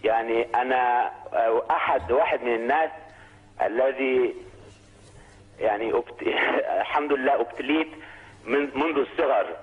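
A man with an Egyptian accent calling in to a program over the phone, hesitant and halting, with many fillers and restarts as he asks his question. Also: mid-range voice. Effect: heard over the phone. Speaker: caller. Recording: tinny phone line.

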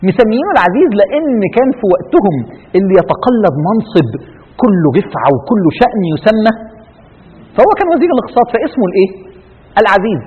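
A man preaching a sermon with an Egyptian Arabic accent, swinging from loud exhortation to hushed, quiet passages. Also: high-pitched, big pitch swings, fast, breathy edge. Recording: dull lo-fi recording with long reverb.

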